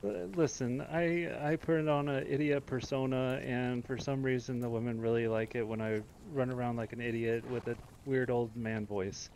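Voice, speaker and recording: A man's voice: medium pitch, level tone, moderate pace, few pauses, darkish tone, a little hiss or hum, poor audio. A man chatting in character during a role-play game, hesitant and stammering.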